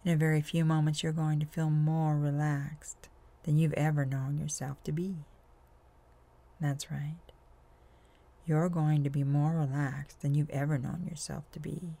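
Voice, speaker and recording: Slow, gravelly-voiced man guiding hypnosis. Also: fairly high pitch, level tone. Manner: slow, soothing, drawn-out phrasing with soft whispered stretches. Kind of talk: guided hypnosis script.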